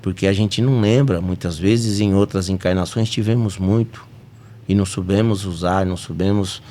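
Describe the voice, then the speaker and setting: Speaking at a moderate pace in a deep, mellow, steady voice, this Brazilian podcast host has a Brazilian Portuguese accent. He leads a spiritist study podcast earnestly, rising now and then to emphatic peaks, with slight background noise behind him.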